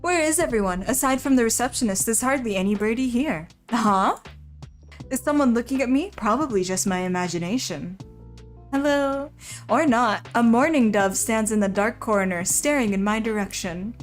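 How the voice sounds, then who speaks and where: A woman's voice: a little high, normal speed, soft background music. A young woman streaming a visual novel, playfully reading its narration and lines aloud. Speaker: game streamer.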